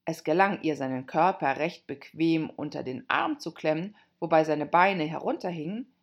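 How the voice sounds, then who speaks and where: Lively woman narrating a storybook. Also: low voice, moderate pace, muffled recording. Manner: lively, expressive reading. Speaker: audiobook narrator.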